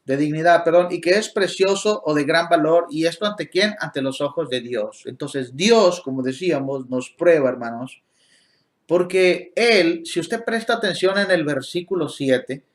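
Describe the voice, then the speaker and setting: A man with a slightly high voice teaches a Bible study lesson. He explains the meanings of words, puts questions straight to his listeners, and stops now and then to correct himself.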